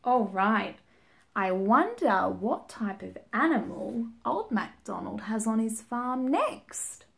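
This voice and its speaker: A young woman reading and singing a picture book for young children, animated and sing-song, making animal noises and asking the child to join in, filmed up close in a small room. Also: on the high side, slow, gravelly. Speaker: children's storytime reader. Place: small indoor room, seated at home.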